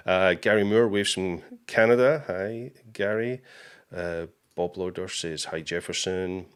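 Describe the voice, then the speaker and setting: A man hosting a live interview show with a very low, deep voice. He talks casually, reading out viewer comments and greeting people, with relaxed "uh"s and "um"s between them. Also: takes it slowly, smooth. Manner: casual, reads viewer comments aloud with fillers. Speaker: host.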